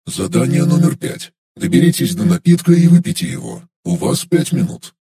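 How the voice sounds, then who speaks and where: A man's voice: fairly high pitch, big pitch swings, moderate pace, mellow. A man narrating an audiobook and voicing an impersonal game system that announces tasks formally.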